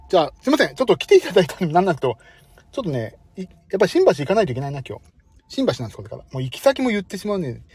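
A man's voice: high-pitched, huge pitch swings, racing, darkish tone, husky, dry recording. A man hosting a casual live stream from his parked car, chatting in a self-deprecating way and reading out listener comments. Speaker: livestream host.

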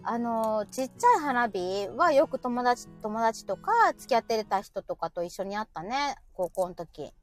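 A woman from Osaka chats in a Kansai accent, her high voice leaping up and down as she talks. She laughs often and keeps the conversation lively. Soft music plays faintly behind her. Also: normal speed, few pauses. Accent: Kansai Japanese. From Osaka, Japan. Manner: animated and chatty, often laughing. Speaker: co-host of a live audio talk show. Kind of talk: casual chat.

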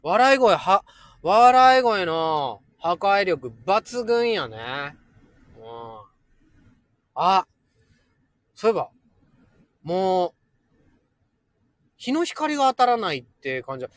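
A man's voice: sits high, very animated, takes it slowly, pauses often, a bit bright, dry recording. A man hosting a casual solo livestream, chatting playfully with listeners and laughing often. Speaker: livestream host.

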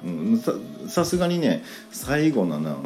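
A man with a Kansai accent telling a story in a casual, animated podcast monologue, acting out the quoted lines. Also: mid-range voice, measured pace, faint music behind. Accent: Kansai Japanese. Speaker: podcast host.

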